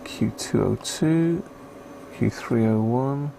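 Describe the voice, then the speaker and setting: Slow and gravelly, with a dark tone at medium pitch, a British man gives offhand live commentary while repairing radios for fun on his livestream, muttering his thoughts as he goes. The recording is rough, with slight background noise.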